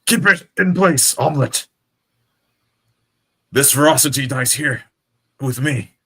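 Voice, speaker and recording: A wounded, defiant warrior, voiced by a man at a gaming table, shouting in a haggard, husky voice pushed up high. He sounds pinned down and fighting on. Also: slow pace, heavily acted. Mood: defiant, desperate. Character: wounded, defiant male fantasy warrior pinned under rock.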